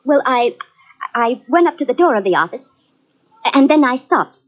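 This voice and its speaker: In a 1940s radio drama, an actress plays a tense wealthy widow under suspicion, faltering and defensive as she speaks. Her voice is high-pitched with lively intonation, heard through a dull lo-fi old radio recording.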